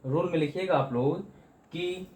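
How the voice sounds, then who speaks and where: A man's voice: a little high, lively intonation, moderate pace, a little mellow. Echoey male Hindi grammar teacher. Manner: repeats terms, addresses students as friends. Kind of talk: Hindi exam-prep grammar lesson.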